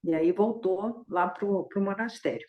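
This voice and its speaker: A woman teacher retells a Buddhist story during a dharma talk, speaking casually and tagging her sentences with little questions. Her voice is mid-pitched. The recording is roomy and echoey. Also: unhurried, muffled recording. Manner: conversational, with a constant tag question "né?".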